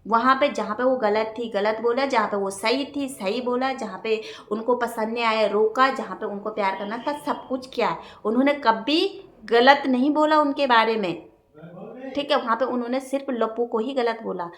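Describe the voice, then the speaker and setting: A woman hosting a reaction vlog, speaking in heated, indignant commentary and scolding in rapid outbursts. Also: fairly high pitch. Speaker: reaction video host.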